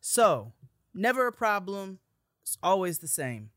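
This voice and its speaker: A woman's voice: mid-range voice, sing-song, measured pace, fairly bright tone, no echo, studio quality. A young woman, a podcast co-host and student, telling a story in a casual chat with emphatic, profane bursts.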